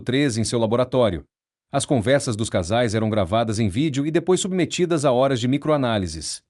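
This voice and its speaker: Male narrator, measured nonfiction audiobook read, medium pitch. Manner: measured, steady, explanatory.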